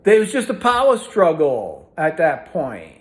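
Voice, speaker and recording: A man's voice: on the high side, huge pitch swings, unhurried. Profane, combative man ranting. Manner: profane, combative, rambling with frequent "right?". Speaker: vlogger. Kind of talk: ranting monologue to camera.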